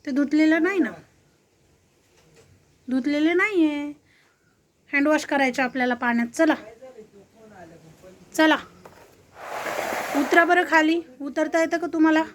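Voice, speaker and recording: High-voiced Marathi woman coaxing a toddler. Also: unhurried, pauses often. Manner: coaxing, repeating short phrases. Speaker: parent talking to a toddler. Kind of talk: baby talk with a toddler.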